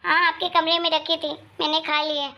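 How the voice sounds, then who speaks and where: A sharp-tongued young married daughter scolds and complains at length, played by a woman. Her voice sits very high and sounds bright and forceful. It is a cartoon moral story. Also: little pitch movement, a little fast, full character voice. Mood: scolding. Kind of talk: Hindi moral story voice acting.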